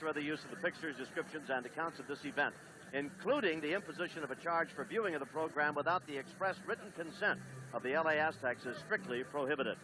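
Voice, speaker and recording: Man, play-by-play announcer, brisk, higher voice, vintage TV sound with hiss. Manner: brisk, reads lineups and notices. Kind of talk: 1970s TV sports broadcast. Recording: old TV broadcast with steady noise.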